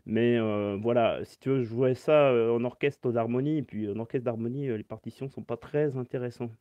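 A man's voice: mid-range voice, moderate pace, no echo, highs cut off. A man teaching saxophone in a live-stream Q&A, explaining step by step and answering chat comments aloud through his phone.

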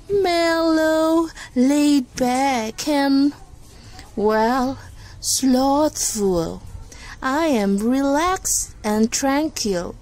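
A woman voicing a calm, unbothered rainforest sloth from a storybook, with a drawn-out, languid, dreamy delivery. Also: sits high, a little hiss or hum, full character voice.

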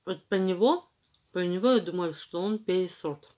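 Brief: woman, lowish voice, chewing chalk mid-sentence, slow searching tasting commentary, recorded on a phone. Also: a little mellow. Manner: slow, searching, describes taste in detail. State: chewing chalk while talking. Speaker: mukbang vlogger.

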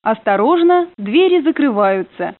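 Over a train intercom comes a woman's prerecorded announcement, courteous and formal. She speaks unhurriedly in a high-leaning voice with big pitch swings, and the dry, narrow, phone-like audio carries no room sound.

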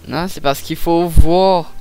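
High-voiced young Quebec man gaming. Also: fairly even intonation, slow, dark tone. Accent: Quebec French. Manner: crude, slangy. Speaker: gamer recording a horror game playthrough. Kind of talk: casual gaming banter with a friend. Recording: game music behind the voice.

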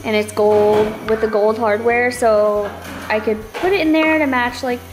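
A woman chatting casually to her vlog audience, excited and giggly. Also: a little high, unhurried. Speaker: vlogger wife. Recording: loud music bed over voice.

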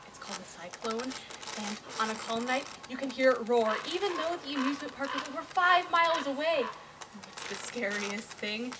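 A woman's voice: fairly high pitch, lightly acted. A woman playing an anxious teenage girl babysitter, confiding in the audience and calling out to the children she watches. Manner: confiding, breathless, and calls out loudly to children. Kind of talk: stage play with monologue to the audience. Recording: loud background noise.

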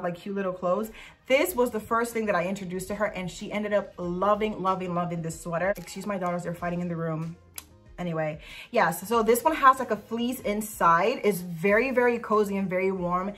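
A young woman vlogs casually while showing off dog clothes, gushing and now and then cooing. Her voice is mid-range with a fairly bright tone, suited to this relaxed product review.

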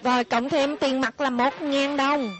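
A woman's voice: high voice, fairly even intonation, unhurried. A woman voicing a stern school director who lectures pupils in a formal way, in a cartoon dub.

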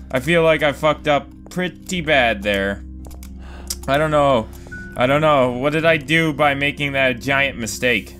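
A young man hosting a gaming video gives casual let's play commentary on a horror game from a room at home. He rambles, swears often and talks to himself in a medium-pitched, slightly bright voice.

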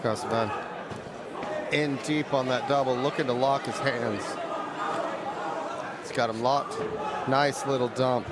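A man of average pitch breaks down a fight as co-commentator, in a conversational, technical way. Crowd sound and clear noise run behind him. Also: steady tone, unhurried, pauses often. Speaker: analyst co-commentator. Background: arena crowd.

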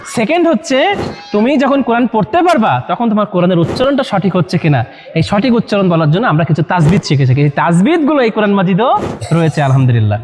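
A man's voice: high-pitched, very animated, quick pace, darkish tone, big-room sound, faint music behind. A man from Bangladesh presenting a Quran edition to a group of young men, coaxing them with questions. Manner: coaxing, asks listeners questions. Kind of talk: promotional talk to a live group.

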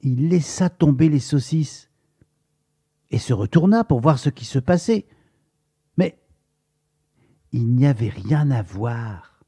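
Male children's storyteller, husky and dark, lively with listener questions. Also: mid-range voice, slow pace, pauses often, no echo, clean studio sound.

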